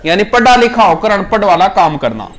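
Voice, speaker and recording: A man's voice: sits high, sing-song, a little fast. A man with a Rajasthani accent teaching a class, repeating each proverb and explaining it in a chatty style with local dialect and jokes for the students.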